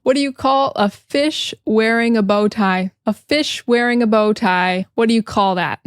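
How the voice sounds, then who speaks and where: An American woman teaching English casually, explaining jokes and repeating phrases slowly and then fast. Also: on the high side, dry recording, clean studio sound. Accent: General American.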